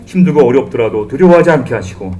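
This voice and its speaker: A middle-aged man preaching a sermon in church as pastor, animated and humorous, acting out the voices he quotes. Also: medium pitch, fast. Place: church sanctuary.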